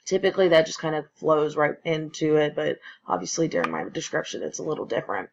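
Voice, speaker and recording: A presenter talks informally and haltingly, explaining things step by step with hesitations. The voice comes through a dull, lo-fi recording. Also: medium pitch. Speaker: presenter introducing a meditation. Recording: muffled lo-fi recording.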